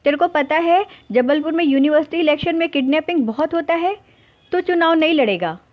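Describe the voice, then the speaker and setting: A woman's voice: high voice, fairly quick, pitched above the performer's own voice, natural voice. A woman voicing a worried middle-aged father, warning earnestly. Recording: dull lo-fi dry recording.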